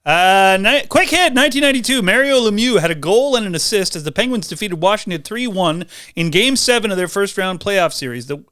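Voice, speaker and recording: A man's voice: high voice, expressive, brisk, few pauses, pushed and bright, no echo, studio quality. A man co-hosting a casual sports podcast, reading sports trivia and joking around with his co-hosts. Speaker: podcast co-host.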